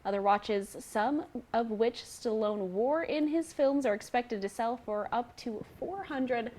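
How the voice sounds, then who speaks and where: A woman's voice: on the high side, a little slow, darkish tone. A woman co-anchor reading news items and laughing along with her partner. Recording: faint background noise.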